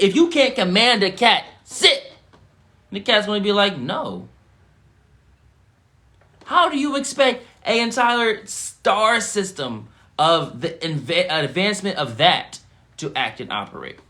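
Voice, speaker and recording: A man with a fairly high voice delivers a spiritual teaching to a live-stream audience. He preaches emphatically, circling back over his points and building into forceful peaks. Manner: repetitive, emphatic preaching with rising bursts.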